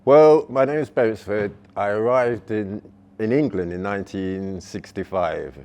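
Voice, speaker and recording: A man's voice: fairly low pitch, a little slow, a little mellow, clear, resonant tone. An older man from Jamaica, speaking reflectively and searching for words in a documentary interview.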